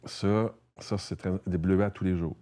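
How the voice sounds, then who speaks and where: A man's voice: deep voice, fairly even intonation, measured pace, warm tone. A man from Quebec with a Québécois French accent, a guest chatting casually and rambling, with many restarts and a lot of "tu sais". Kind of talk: casual conversation.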